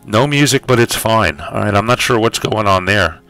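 A man with a low voice that has a bright, forceful edge chats casually on a livestream, full of fillers as he checks his audio with viewers. Faint music plays behind him. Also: animated, normal speed, clean tone. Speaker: livestream host running a writing sprint.

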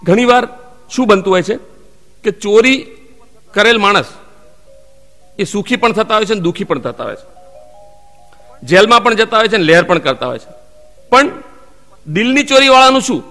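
Bright-voiced man telling stage jokes. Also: sits high, animated, long reverb tail, faint music behind. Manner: acts out the characters in his jokes with quick voice shifts. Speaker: stand-up comedian telling jokes. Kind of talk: Gujarati joke telling.

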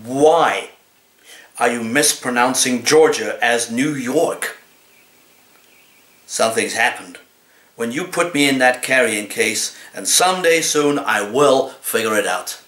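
A man in his sixties, an actor, reads comic poems in a cat's persona, his delivery deliberate, theatrical and expressive. His voice is medium-pitched, and the recording was made indoors in a small living room, sounding roomy and echoey.

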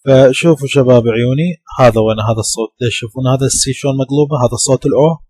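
A man with an Iraqi Arabic accent explains English vowel sounds slowly and patiently, saying each sound again and again. His voice sits at a middle pitch. It is recorded close to the mic in a dry room with no echo. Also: darkish tone, slightly rough. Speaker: English teacher. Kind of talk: classroom lecture.

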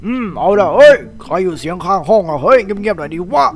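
Man doing a rowdy young gamer next door, high and bouncy voice, music behind. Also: fast talker, a little hiss or hum. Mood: excited. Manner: brash, excitable, shouty exclamations. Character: loud careless young male gamer neighbor.

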